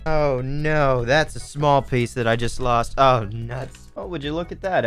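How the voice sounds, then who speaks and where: A man's voice: mid-range voice, smooth. A young man with a sniffly nose, rambling and thinking aloud as he gives casual commentary for a hobby video. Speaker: video host building Lego.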